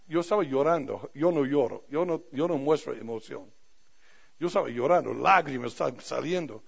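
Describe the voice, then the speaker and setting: An older man preaches a sermon in a raised, gravelly voice. He tells self-mocking stories, drops to quiet asides and then climbs to loud emphatic points. The recording sounds dull and lo-fi. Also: on the high side. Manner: storytelling with self-deprecating humor, swinging from soft to loud. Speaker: pastor.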